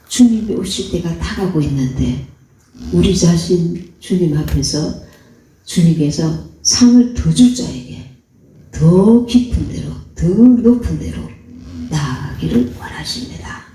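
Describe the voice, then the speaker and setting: A woman's voice: on the low side, lively intonation, a little slow, dark tone, distant mic. Echoey woman preacher giving a sermon. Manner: earnest, exhorting, acts out quoted voices. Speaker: missionary preacher. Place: church. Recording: echoey hall, voice off-mic.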